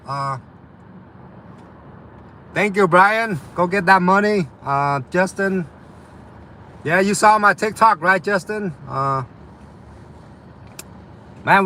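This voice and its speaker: This young delivery driver talks slowly and pauses often, his high-pitched voice sharp in tone, with a slight Vietnamese accent. He casually reads live viewer comments and rambles about delivery work, full of ums and uhs. The recording has a little hiss or hum.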